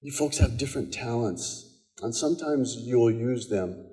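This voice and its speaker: A man's voice: mid-range voice, measured pace, dark tone, soft background music. A man with an American accent, a pastor delivering a conversational sermon in a church, telling stories with quoted dialogue and frequent repetitions. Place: church sanctuary. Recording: long church hall reverb.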